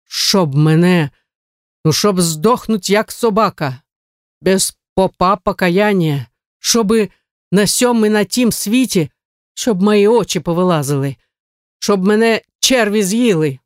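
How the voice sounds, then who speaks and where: A reader voicing an aggrieved old working man with a Ukrainian accent who hoarsely protests his innocence and swears oaths. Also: high voice, slow, no room sound, clean studio sound. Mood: aggrieved protesting. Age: older.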